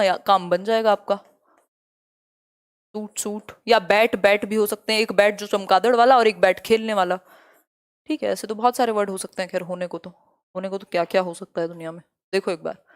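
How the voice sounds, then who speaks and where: A young woman teaching an online exam-prep lesson, explaining in a lively way, mixing English terms into her talk and often checking that her students follow. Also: on the high side. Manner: lively, asks students many check questions; mixes Hindi and English terms.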